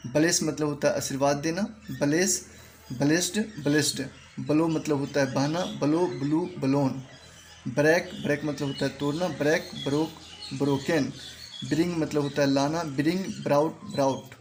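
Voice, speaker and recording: A man with an Indian accent teaches English verbs in a measured, repetitive classroom way. His voice sits a little high, and he says each word slowly, often more than once. A faint hiss of background noise runs under the recording. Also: fairly even intonation, darkish tone. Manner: repeats each word slowly, drilling pronunciation. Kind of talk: spoken language lesson.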